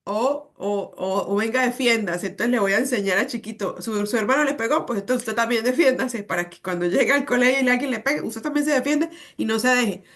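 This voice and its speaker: A woman's voice: on the high side, fast talker, hardly any pauses, fairly bright tone. A woman psychologist, giving a conversational talk on parenting full of rhetorical questions.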